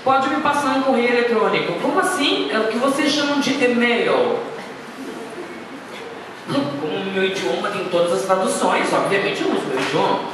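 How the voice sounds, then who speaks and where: Her voice sits a little high and her intonation is lively as she speaks at an ordinary pace. As a guest speaker, she gives an informal, chatty lecture with anecdotes and self-deprecating asides. The sound is noisy and echoey, since she's far from the mic in a hall.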